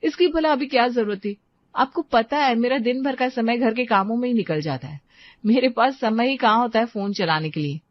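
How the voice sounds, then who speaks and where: A woman's voice: fairly high pitch, moderate pace, dry recording, dull audio, lightly acted. A woman voicing a young wife who is absorbed in her phone and politely brushes others off. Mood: protesting.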